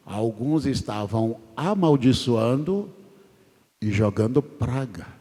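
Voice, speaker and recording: A pastor preaching a sermon in a church, telling stories with drawn-out, emphatic phrases. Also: male voice, medium pitch, dark tone, slightly rough. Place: large church. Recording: long church reverb.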